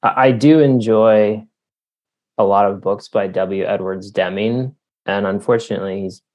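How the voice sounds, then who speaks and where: A Canadian man, an author being interviewed, speaks with a lowish, slightly mellow voice at a moderate pace and fairly even intonation. He answers conversationally and explains things as he thinks aloud, leaning heavily on "you know" and "like."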